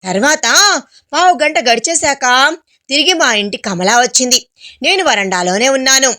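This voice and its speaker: A woman with a high, bright voice tells a story in a gentle, even reading tone. She narrates in the first person and reads the quoted lines softly. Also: a little slow. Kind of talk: scripted narration.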